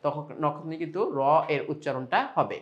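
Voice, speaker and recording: A man's voice: fairly high pitch, normal speed, a bit bright, dull audio. A man with a Bangladeshi Bengali accent teaching Quran pronunciation step by step, stretching out sample sounds between explanations.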